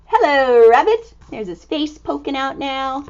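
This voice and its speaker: A woman with a high-pitched voice reads a picture book to young children, exclaiming expressively, stretching out words and slipping into hushed asides. Her pace is unhurried, and the recording sounds muffled.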